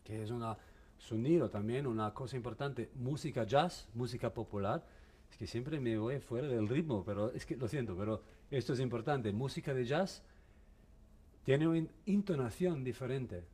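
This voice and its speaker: Halting man teaching a violin masterclass. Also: mid-range voice, warm tone, breathy edge. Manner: halting, mixes in English words, asks the class questions.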